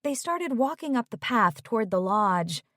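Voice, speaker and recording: A woman narrating an audiobook romance in a slow, expressive reading. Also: a little high, no room sound, clean studio sound. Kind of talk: scripted narration.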